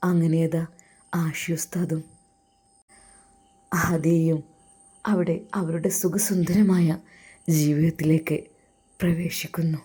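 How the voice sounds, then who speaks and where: Brief: hoarse woman telling a serialized story with drama, mellow and warm. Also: deep voice, little pitch movement, slow pace, pauses often. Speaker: storyteller and vlogger.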